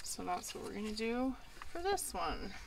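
A woman's voice: mid-range voice, big pitch swings, normal speed, creaky, slight background noise. A woman in her thirties chatting casually as she shows off her small wooden camper trailer, with lots of ums and likes, recorded on a handheld phone. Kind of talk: casual show-and-tell. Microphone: handheld phone camera.

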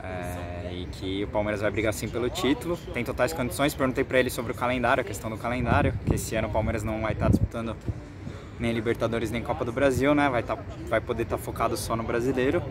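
A Brazilian man in his twenties, a sports reporter for a football fan channel, delivers a casual vlog report to camera, holding his phone at arm's length on an outdoor training pitch. His medium-pitched voice comes out haltingly, with repeated words. A loud crowd and distant vehicles can be heard in the background.

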